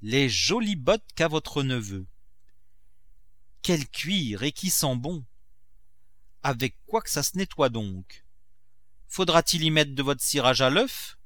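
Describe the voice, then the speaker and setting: A man's voice: mid-range voice, sing-song, slow, pauses often, fairly bright tone, no echo, voice pushed up. A man voicing an old countrywoman servant, loyal and stubborn, who talks in a rustic, bold and familiar way. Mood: marveling. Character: blunt elderly woman servant, loyal and stubborn.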